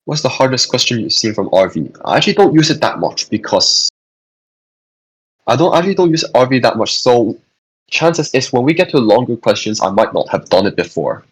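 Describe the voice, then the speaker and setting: A young man with a husky, slightly rough voice tutors physics over a video call. He talks casually and hesitantly, restarting and repeating bits of sentences as he answers questions from chat. He speaks at a middle pitch, into a computer mic at home. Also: big pitch swings, fairly quick, rough recording. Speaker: student tutor hosting a revision session.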